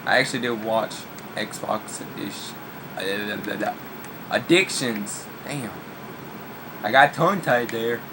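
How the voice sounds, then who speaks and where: A man's voice: lowish voice, slow pace, background noise. Rambling, swearing young man gaming. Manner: rambling, swears a lot, talks to his cat. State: voice worn from yelling. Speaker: gaming YouTuber. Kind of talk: casual game commentary.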